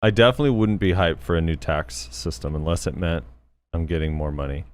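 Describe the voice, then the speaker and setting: A man hosting a casual gaming podcast, relaxed and laid-back, still in his morning voice. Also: sits low, a little fast. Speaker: podcast host.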